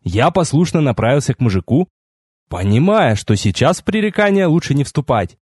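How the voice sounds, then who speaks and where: A man reading a first-person fantasy novel aloud with wry, lively storytelling. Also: mid-range voice, normal speed, slightly rough, no room sound, studio quality. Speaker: audiobook narrator.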